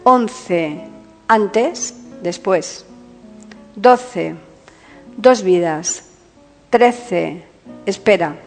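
A woman hosting a poetry podcast, reading a formal scripted introduction in a measured announcing manner. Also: mid-range voice, big-room sound, soft background music. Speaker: podcast host. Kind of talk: scripted radio presentation.

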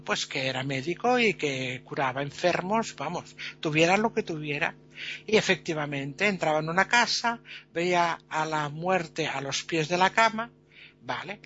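A man tells a folk tale aloud in a lively, chatty way. His voice is high and bright for a man. The recording sounds a little dull and lo-fi. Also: slight background noise. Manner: lively, chatty, with many fillers. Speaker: storyteller. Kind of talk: oral folk tale telling.

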